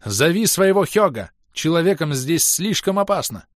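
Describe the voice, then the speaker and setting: A man's voice: fairly high pitch, sing-song, normal speed, no room sound, clean studio sound, pitched above the performer's own voice. Man voicing an alarmed warrior brother. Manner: yelling in alarm. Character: anxious loyal male sworn brother, warrior.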